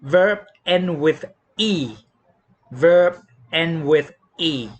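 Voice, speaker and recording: A man with a Thai accent teaches English spelling rules at a very slow, deliberate pace. His voice sits fairly high and swings widely in pitch as he repeats each word and spells letters out. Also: expressive. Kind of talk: slow classroom explanation.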